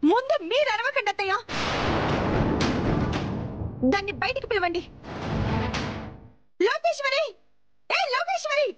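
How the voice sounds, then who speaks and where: An actress playing an angry woman who shouts and accuses a relative in a TV serial, on dull TV audio. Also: very high-pitched, animated, moderate pace, over music. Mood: furious shouting. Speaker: Gundamma, accusing daughter-in-law. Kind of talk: Telugu TV serial acting.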